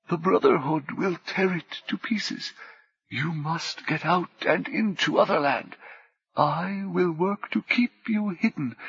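A grave old guardian with a gravelly, deeply husky voice, as a male audiobook narrator puts him on. He speaks in formal, measured sentences. The recording is dull and dry. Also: fairly bright tone, no echo, full character voice.

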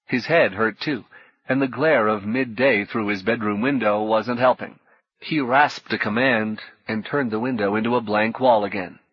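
A man narrating an audiobook in a measured, even storytelling voice that is husky and fairly low. The recording is dry and close, with a slightly dull, lo-fi tone. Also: no room sound. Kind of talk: scripted narration.

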